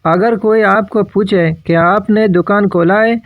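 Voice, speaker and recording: Male math teacher, patient explainer, high voice, dry dull recording. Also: fairly even intonation, no room sound. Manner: patient, explains slowly with worked examples. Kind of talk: step-by-step math lesson.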